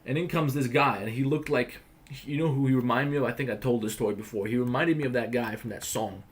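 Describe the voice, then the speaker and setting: A man's voice: mid-range voice, fast. A young man from Croatia hosting a casual livestream, talking bluntly and profanely as he tells stories. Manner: profane, blunt, animated storytelling. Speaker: livestream host.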